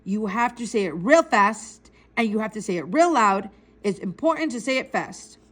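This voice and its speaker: A woman voicing a sly thirteen-year-old boy who talks slowly and deliberately, like he is sharing a secret. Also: mid-range voice, lively intonation, fairly bright tone. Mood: coaxing. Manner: slow, deliberate, conspiratorial.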